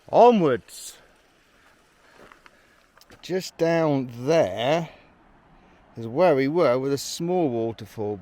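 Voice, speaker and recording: A man vlogging on a mountain trail, chatting to a handheld camera as he walks and a little out of breath. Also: fairly high pitch. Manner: chatty, talks to the camera while hiking. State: a bit out of breath. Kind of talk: casual walking commentary.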